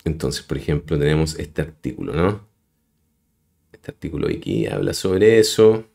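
A man's voice: very deep voice, big pitch swings, normal speed, vocal fry, mellow. A man hosting a screen-recorded web tutorial, explaining step by step and addressing his viewers directly. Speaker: tutorial host. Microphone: voice-over on a screen recording.

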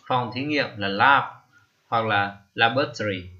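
A man, teaching vocabulary slowly, repeating each term and pausing with many fillers. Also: medium pitch, highs cut off. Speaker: English teacher. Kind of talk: screen-recorded lesson.

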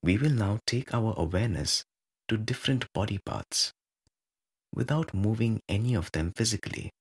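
Leading a guided meditation, a man speaks calmly and with measure. His low voice has a creaky, husky quality, and he gives soothing directions in short bursts separated by lengthy pauses.

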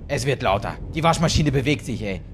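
Let's play host, male, jumpy and loud when scared, animated voice. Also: medium pitch, fairly quick, gravelly, slight background noise. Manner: excitable, swearing, shrieks when scared. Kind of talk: gaming commentary.

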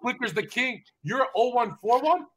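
A man's voice: very high voice, expressive, moderate pace, fairly bright tone. A man in casual group stream banter, brash and boastful, trash-talking the others. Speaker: stream guest.

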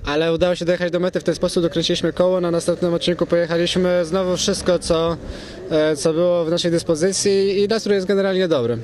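A man's voice: high-pitched, quick pace, a little hiss or hum. Young man, rally driver, matter-of-fact. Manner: steady, matter-of-fact with hesitant fillers. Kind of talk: post-stage interview. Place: outdoors at a rally service area. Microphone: handheld interview mic.

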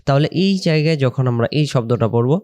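Smooth-voiced man teaching Quran pronunciation. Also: mid-range voice, darkish tone. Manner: explains slowly, repeats syllables, drawn-out recitation.

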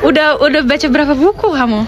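A woman's voice: sits high, quick pace, a crowd in the background. A young woman from Indonesia, a vlogger chatting casually with a friend in a bookstore and cafe, laughing often. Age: young adult. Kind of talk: casual chat. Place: large bookstore, then a cafe, indoors. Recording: music playing under the voice. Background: background music.

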